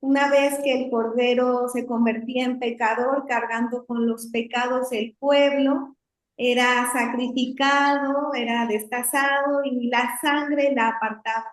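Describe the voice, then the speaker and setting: A woman pastor with a high voice teaches scripture to a group on a video call. She explains patiently and keeps checking that her listeners follow. Her voice rings in an echoey room. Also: steady tone, a little slow. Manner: explanatory, often adds "¿no?" and "entonces". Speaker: pastor leading a women's devotional.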